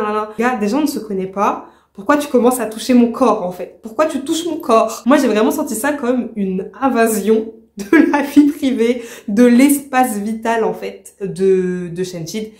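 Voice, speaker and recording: A woman vlogger casually reviewing a book, indignant and animated, with slangy talk. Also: on the high side, measured pace. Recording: roomy echo.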